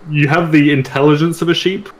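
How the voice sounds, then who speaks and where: A man's voice: a little high, steady tone, fast talker, crowd noise. A man playing a tabletop game, casually chatting and offering apologetic rules corrections. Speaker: player.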